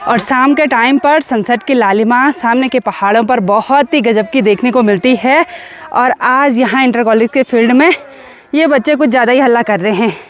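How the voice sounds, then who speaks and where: Filming on her phone as she wanders her hill village in Uttarakhand, India, this young vlogger chats cheerfully and jokes with the neighbours. She has a fairly high-pitched voice and talks at normal speed.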